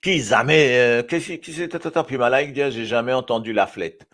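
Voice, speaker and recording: A man from Mauritius, hosting a live show and reading viewers' comments aloud in a lively, chatty way. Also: medium pitch, fairly quick. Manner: lively, switching between French and Creole, reading comments aloud. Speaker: host.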